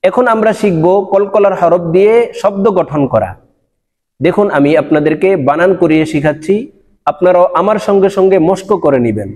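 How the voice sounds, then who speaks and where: Male tutor with a high voice, patient and repetitive drilling, reverberant recording. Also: darkish tone. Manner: slow, drawn-out syllable drills, repeating each sound. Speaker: Quran recitation teacher.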